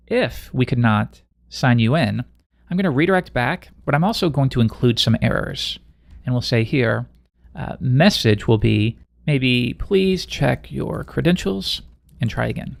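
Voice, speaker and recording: A man teaching web programming in a screencast, talking through code in a relaxed, conversational way as he works. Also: medium pitch, vocal fry, dry recording, clean studio sound. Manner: relaxed, conversational, thinking aloud while coding. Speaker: programming instructor. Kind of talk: screencast coding tutorial.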